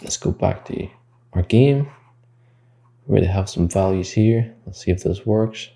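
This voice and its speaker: In a coding tutorial captured by screen recording, a man with a low, gravelly yet mellow voice teaches game development at normal speed. He walks through the code step by step, thinking out loud and fixing his phrasing mid-sentence.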